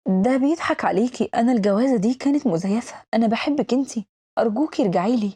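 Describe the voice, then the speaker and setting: A woman's voice: on the high side, expressive, rapid-fire, dark tone, breathy edge. A woman with an Egyptian accent voicing a young ex-boyfriend who begs eagerly to be taken back. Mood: pleading. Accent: Egyptian Arabic. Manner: eager and begging. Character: clingy young ex-boyfriend, pleading.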